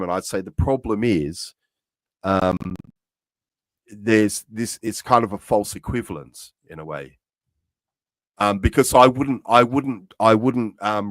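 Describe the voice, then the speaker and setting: A middle-aged man with a fairly low voice talks earnestly on a live stream. He stops and restarts his sentences as he works through a point. The sound is close and dry. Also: fairly bright tone, dry recording. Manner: earnest, halting, many restarts. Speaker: co-host. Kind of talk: casual live-stream chat.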